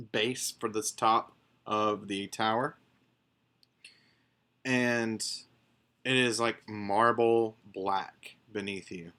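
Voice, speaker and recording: A man runs a tabletop game over a call, narrating in a bright voice. He takes his time and fills gaps with ums as he describes the scene. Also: medium pitch, clear, resonant tone. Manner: unhurried, descriptive narration with fillers. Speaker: game master.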